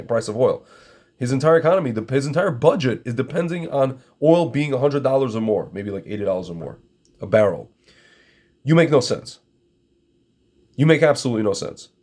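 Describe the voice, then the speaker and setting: A middle-aged commentator from Ukraine talks to his viewers in a mid-range, slightly mellow voice. A native Russian speaker, he holds forth with firm opinions, stresses and repeats his phrases, and regularly calls his audience "my friends."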